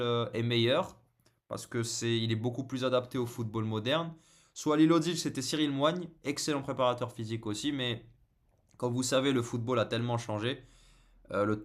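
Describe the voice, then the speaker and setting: A man hosting a football live stream, chatting casually with viewers and answering their messages, hesitant and full of fillers. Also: medium pitch. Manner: hesitant, many fillers and repeated words; joking, casual banter with viewers. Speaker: football channel host.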